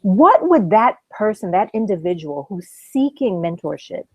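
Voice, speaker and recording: A woman's voice: mid-range voice, sing-song, a little slow, breathy edge, no room sound. A woman hosting an interview who asks earnest, thoughtful questions. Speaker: interview host. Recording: dull, slightly lo-fi.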